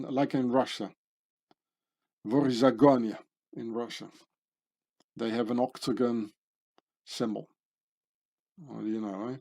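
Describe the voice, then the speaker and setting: A man's voice: mid-range voice, dark tone. A man hosting his channel, talking through pictures in a meandering monologue full of fillers and tag questions. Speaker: channel host. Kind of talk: rambling monologue over pictures.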